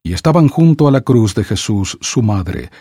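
Husky low guy doing a slow solemn bible reading, dry close sound. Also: very animated, mellow, no room sound. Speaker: scripture reader. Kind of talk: audiobook scripture reading.

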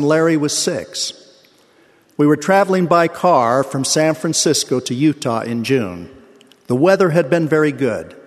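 An older man giving a sermon, telling a personal story in a measured, earnest way. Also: medium pitch, big-room sound. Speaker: church speaker.

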